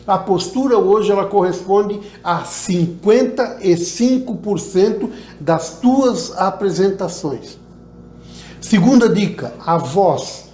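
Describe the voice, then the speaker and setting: Didactic Brazilian oratory teacher, echoey room. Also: male voice, high voice, lively intonation, slow pace, a little mellow. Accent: Southern Brazilian Portuguese. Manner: didactic, demonstrates vocal emphasis. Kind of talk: interview guest giving tips.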